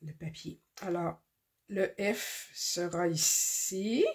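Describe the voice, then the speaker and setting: Slow, soft-spoken woman demonstrating crafts. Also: fairly low pitch, gravelly. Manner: slow, careful, talks through each step with many fillers. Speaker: card-making tutorial host.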